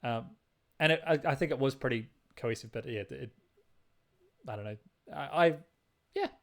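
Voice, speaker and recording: Halting, restart-prone male podcast co-host. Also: mid-range voice. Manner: hesitant, many restarts, hums tunes aloud. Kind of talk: casual chat about a film.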